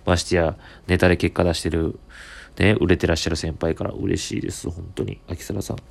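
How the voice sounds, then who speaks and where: Young man, Kansai accent, deep gravelly voice, solo comedy talk, animated storytelling. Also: fairly quick. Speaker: comedian podcast host.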